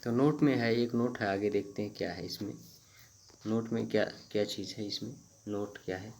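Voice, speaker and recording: A man teaching grammar in Hindi, reading each rule out very slowly, one word at a time, and repeating himself with hesitant fillers. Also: fairly low pitch, fairly even intonation, darkish tone. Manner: explains slowly in Hindi, reads English rules very slowly word by word. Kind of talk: Hindi-medium grammar lesson.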